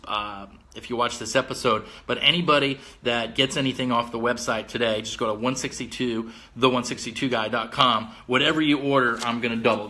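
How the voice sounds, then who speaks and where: Energetic man giving an outdoor pep talk. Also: mid-range voice. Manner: upbeat, pep-talk delivery, addresses viewers directly. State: a little out of breath. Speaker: host of a motivational live stream.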